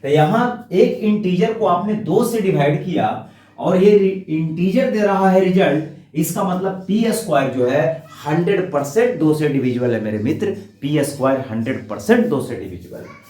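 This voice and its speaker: A man's voice: a little high, lively intonation, normal speed, dark tone. Hindi-speaking male maths teacher, echoey room. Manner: explains step by step, addresses students as "my friend", voices their answers. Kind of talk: classroom maths lesson. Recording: echoey room, mic far off.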